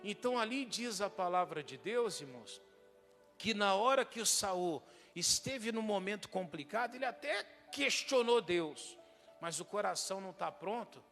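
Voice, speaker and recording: A male pastor preaching a lively sermon in a church, often asking the congregation questions and raising his voice for emphasis. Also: sits high, normal speed, vocal fry, long reverb tail, soft background music. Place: church hall.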